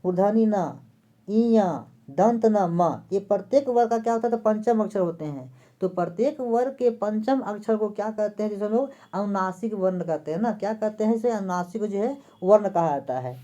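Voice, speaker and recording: A woman's voice: medium pitch, moderate pace, dark tone. A woman teacher giving an exam-prep lesson. She asks a question, then answers it herself and repeats the key terms. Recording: dull lo-fi recording.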